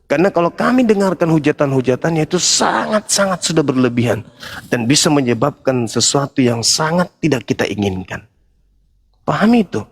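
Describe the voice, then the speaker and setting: Combative mocking man, fairly high voice. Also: expressive, a little fast, breathy edge. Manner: combative, mocking, laughing at his opponent. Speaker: debate show host, foundation founder. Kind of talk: heated live debate.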